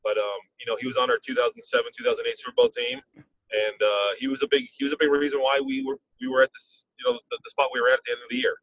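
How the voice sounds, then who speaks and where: A man, a former football player and coach, telling stories in a casual interview, often pausing on "um" and checking in with "right?". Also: medium pitch, far from the mic, highs cut off. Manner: animated storyteller, frequent "um" and "right?".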